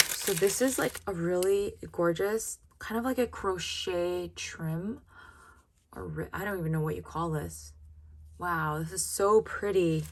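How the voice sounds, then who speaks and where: A woman's voice: lowish voice, slight background noise. A woman giving casual unboxing commentary in a gushing, grateful manner, drawing out her exclamations. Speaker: craft vlogger unboxing happy mail.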